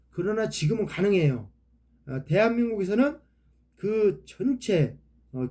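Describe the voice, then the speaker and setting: A man's voice: high-pitched, mellow. A man with a Chungcheong Korean accent giving a rambling, casual preaching talk, dropping a "ye" filler after almost every phrase. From Chungcheong, South Korea. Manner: rambling, peppers speech with "ye" filler.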